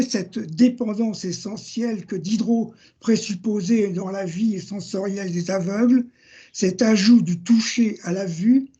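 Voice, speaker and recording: An older man giving an academic seminar lecture, reading measured passages from his notes, citing sources and page numbers, and correcting himself now and then. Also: sits high, mellow, slightly rough, highs cut off.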